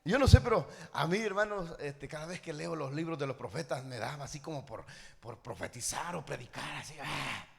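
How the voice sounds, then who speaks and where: High gravelly preacher guy, shouts and half sings then goes quiet, big echoey church. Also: expressive, fairly quick. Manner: swings from shouted, sung-out preaching to low, quiet asides. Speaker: pastor. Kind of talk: Pentecostal sermon. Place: church hall.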